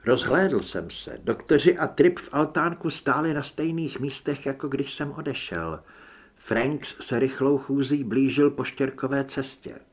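A man narrating an audiobook in a dramatic way, acting out the dialogue as he reads. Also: medium pitch.

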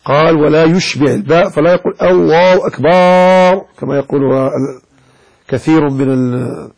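A man's voice: mid-range voice, fairly even intonation, a little fast, gravelly, a little mellow, breathy edge, low-quality recording. A man teaching a religious lesson, explaining a legal text and demonstrating how words should be pronounced, with a Moroccan Arabic accent. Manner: explanatory, demonstrates pronunciations, addresses listeners directly. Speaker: sheikh teaching Maliki jurisprudence.

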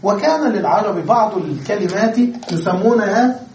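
A man's voice: high voice, lively intonation, darkish tone, a little hiss or hum. A man teaching Arabic grammar in a classroom lecture, explaining step by step and checking that students follow. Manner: explains step by step, checks understanding with quick questions. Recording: echoey room from a distance.

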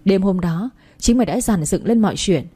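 A woman voicing a drunk, heartbroken young man who slurs his words and lashes out bitterly, with a husky, dark voice. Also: medium pitch, animated, fairly quick. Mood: furious. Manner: slurred bitter shouting.

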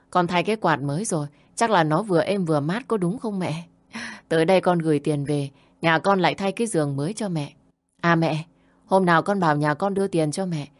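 A woman voicing a grown son working abroad who talks to his mother gently and reassuringly. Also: lowish voice, no echo, close to an everyday voice.

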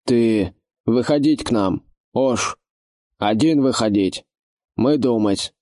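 A man's voice: mid-range voice, darkish tone, lightly acted. A man doing a wild orc in broken speech. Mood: menacing. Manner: slow, halting, broken grammar.

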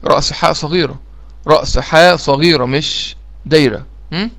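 Gravelly Egyptian man teaching slowly. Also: a little high, fairly bright tone. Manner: repetitive, drills key phrases, asks listeners if they follow. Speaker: Quran recitation teacher. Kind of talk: explanatory lesson.

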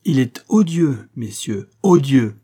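A man's voice: mid-range voice, sing-song, takes it slowly, mellow, breathy edge, pitched above the performer's own voice, heavily acted. Man reading as an indignant baron orating. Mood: indignant oratory. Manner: oratorical, declaiming. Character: proud, indignant Japanese baron, older man. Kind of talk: audiobook reading.

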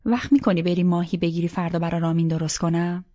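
A woman voicing a caring middle-aged mother who fusses gently over her daughter, in a soft, homely way, on a dull lo-fi recording. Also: fairly low pitch, fairly even intonation, close to an everyday voice. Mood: gentle, fussing.

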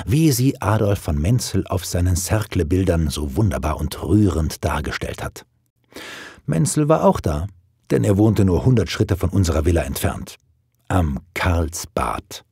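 Male narrator, deep and husky, expressive storytelling, dry. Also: no echo. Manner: expressive, old-fashioned storytelling. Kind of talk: scripted narration.

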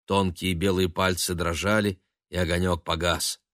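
A man narrating a novel as an audiobook in a measured literary way. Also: low-pitched, level tone, fairly bright tone, no room sound, studio quality.

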